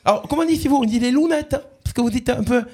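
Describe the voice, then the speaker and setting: A radio host doing a prank call, voicing a bumbling corporate communications manager who stammers and repeats himself. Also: male voice, extremely high pitch, racing, a little mellow, breathy edge, exaggerated voice. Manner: stammering, hesitant, repeats words.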